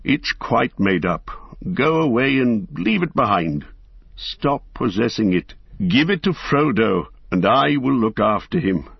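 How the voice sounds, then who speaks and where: A man playing a stern, wise old wizard who speaks in slow, measured commands. The voice is gravelly and husky. It sits in a dry, slightly dull storybook recording. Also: medium pitch, sing-song, no echo, full character voice. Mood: firm.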